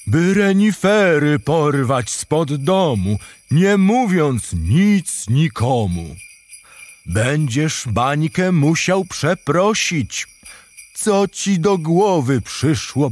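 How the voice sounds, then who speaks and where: A man voicing a jolly, grandfatherly old Santa Claus in a children's audio drama, over soft Christmas music. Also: a little high, animated, drawn-out words. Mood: gently scolding. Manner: grandfatherly, scolding gently. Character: jolly old male Santa Claus, stern yet kind. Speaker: voice actor.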